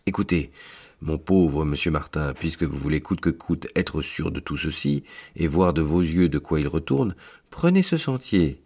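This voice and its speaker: A man voicing a tall, dark-winged male angel of purgatory with a raspy, mournful voice, often pitched higher than his own. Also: lively intonation, moderate pace, full character voice. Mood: exasperated. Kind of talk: storytelling read-aloud.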